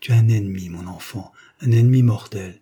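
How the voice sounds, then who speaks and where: A man reading the part of a dying old woman who speaks in halting, breathless pleas that drop to whispers. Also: mid-range voice, mellow, slightly rough, natural voice. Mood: pleading.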